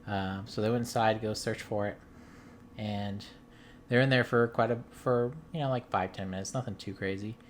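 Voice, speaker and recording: A man's voice: on the low side, fairly even intonation, moderate pace, slight background noise. A man from the US Midwest, a game-collecting vlogger, telling a story in casual chat, rambling with lots of ums and restarts. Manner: amused storytelling.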